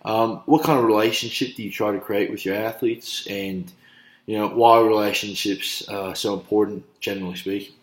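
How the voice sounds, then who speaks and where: A young man with a lowish voice runs a casual interview and chimes in often with quick affirmations. He is recorded on a laptop webcam in a small room that echoes. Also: steady tone. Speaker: interviewer, coach. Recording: roomy webcam audio.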